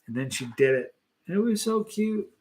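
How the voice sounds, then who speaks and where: Man, nearly sixty, hosting a live stream; chatty, animated, laughs a lot, voice on the higher side. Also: moderate pace. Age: 50s. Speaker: channel host reading live chat. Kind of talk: casual live-stream chat.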